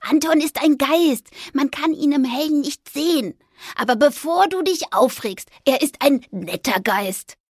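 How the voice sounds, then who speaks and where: A woman voicing a friendly, chatty male squirrel in a children's story, talking in a lively, helpful way. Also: high voice, measured pace, no echo, studio quality, pitched above the performer's own voice. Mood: reassuring.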